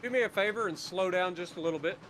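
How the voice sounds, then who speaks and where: A man's voice: high-pitched, quick pace, fairly bright tone, slight background noise. A man streaming a train game, chatting casually and swearing now and then. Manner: laid-back, swears casually. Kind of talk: casual gameplay chat.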